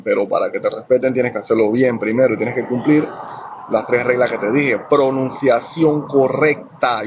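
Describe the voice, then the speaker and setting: A man teaching urban music technique in a casual video lesson, laying out his points in numbered steps. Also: mid-range voice. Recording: slightly dull lo-fi sound with faint noise.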